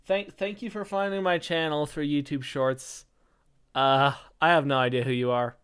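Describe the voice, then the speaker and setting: A man's voice: on the high side, steady tone, moderate pace, fairly bright tone, clean tone. A man hosting a live stream, chatting casually, joking and reading chat comments aloud.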